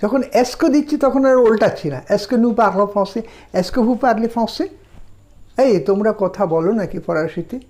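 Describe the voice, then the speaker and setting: A woman teaching a language lesson, explaining grammar patiently and drilling example phrases slowly and deliberately. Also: medium pitch, mellow.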